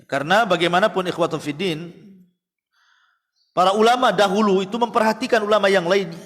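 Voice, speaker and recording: High-voiced man preaching in a hall. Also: a little fast. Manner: animated, acts out voices of the story. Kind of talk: sermon storytelling. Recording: long reverb of a hall.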